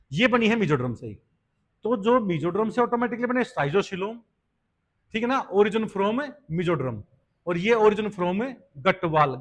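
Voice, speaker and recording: In an exam-prep lecture, a man teaches biology for an entrance exam, posing questions and answering them himself while calling his students "beta," with science in his pronunciation. His voice sits high and sounds fairly bright.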